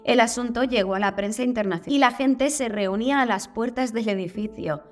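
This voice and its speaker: A woman's voice: a little high, a little fast, faint music behind. Chatty Spanish woman narrating, wry asides. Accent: Spain Spanish. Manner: casual, curious, with wry asides. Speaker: channel host.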